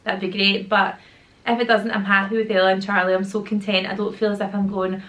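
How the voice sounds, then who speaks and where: This woman in her thirties, a mum and YouTuber with a Glaswegian Scottish accent, rambles slangily to camera at home with kids close by, sounding slightly sore-throated. She speaks at a medium pitch in a level, fairly quick, somewhat bright tone.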